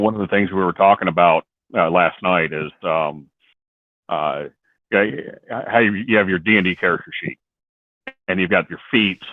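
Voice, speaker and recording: A man with a fairly low voice talks casually, rambling through rule examples. He comes over a thin, phone-like line. The sound is dry, with no room around it. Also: dry recording. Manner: rambling, explains with worked examples. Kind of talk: casual chat.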